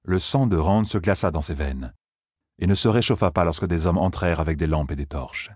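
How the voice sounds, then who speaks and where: Male audiobook narrator, low and husky, steady measured delivery. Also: dry recording, studio quality.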